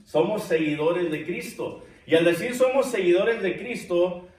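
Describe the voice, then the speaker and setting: Recorded from afar in an echoey church room, a preacher teaches a Bible class, calling his listeners brothers and questioning the class. His voice sits high with a darkish tone, animated but a little slow.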